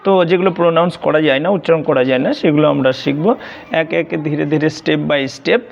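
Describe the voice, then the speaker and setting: A teacher giving a video lesson on pronunciation, hesitating often and repeating words slowly to demonstrate them. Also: mid-range voice, vocal fry. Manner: hesitant, many filler sounds and restarts. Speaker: English teacher. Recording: dull lo-fi recording.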